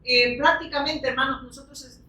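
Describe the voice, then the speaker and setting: A woman's voice: sits high, steady tone, normal speed, sharp tone. A woman preaching a sermon with fervor, asking the congregation rhetorical questions and calling out amens. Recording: echoey room, distant from the mic.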